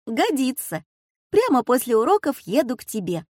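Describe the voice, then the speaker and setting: A bright, teasing schoolgirl, as a woman reader puts her on, her voice lifted higher than the narration and her words quick and playful. She jokes with her grandmother in an audiobook story. The sound is dry and close, with no room around it. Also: big pitch swings, no room sound.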